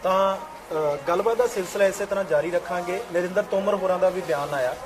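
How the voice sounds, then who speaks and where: A man hosting a TV interview show, presenting in a measured way with small hesitations. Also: high voice, background noise. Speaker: TV talk show host.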